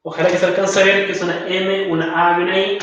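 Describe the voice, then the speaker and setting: A man's voice: sits high, little pitch movement, fast talker, fairly bright tone, a little hiss or hum. A man with a Chilean accent teaching an English class to students, explaining patiently and checking in often. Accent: Chilean Spanish. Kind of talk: recorded online class explanation. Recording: echoey room, far from mic, dull lo-fi.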